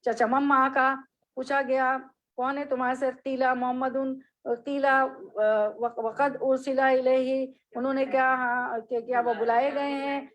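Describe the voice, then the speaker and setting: A woman with a fairly high voice teaches a classroom lesson. She reads short Arabic phrases slowly, then explains and drills them patiently, repeating words for her students. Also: little pitch movement. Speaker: Islamic studies teacher.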